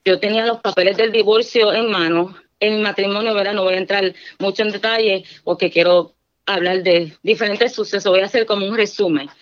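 A woman's voice: medium pitch, steady tone, fairly quick. Earnest woman giving church testimony. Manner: earnest, fervent, often adding "¿verdad?". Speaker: testimony speaker. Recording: dull lo-fi recording.

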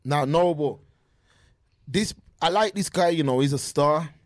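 A talkative man, his voice sitting a little high for a man. He gives his opinions casually and often restarts his sentences. The sound is dry and close, with almost no room echo. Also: a little slow. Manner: opinionated, chatty, frequent restarts. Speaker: podcast co-host. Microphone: remote call audio.

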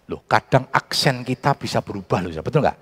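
A man with a Javanese accent preaching a sermon as pastor, telling animated stories and acting out what people said. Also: medium pitch, a little fast, slightly rough. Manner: animated storytelling, acting out quotes. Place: church. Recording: church hall reverb.

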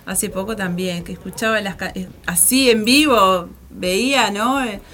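A woman's voice: mid-range voice, a little slow, fairly bright tone. A woman from Argentina hosting a casual radio interview, chatty and emotional as she asks her questions. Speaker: radio host.

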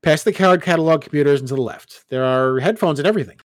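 A man's voice: on the high side, fast talker, no room sound, clean studio sound, lightly acted. A man voicing an easygoing young library desk worker who talks casually. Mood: offhand.

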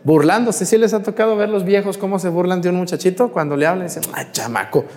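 A priest preaches to his congregation in a fairly high, lively voice, throwing questions at them and teasing them. The church gives his voice a long, lingering reverb. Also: fast talker. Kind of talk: sermon during mass.

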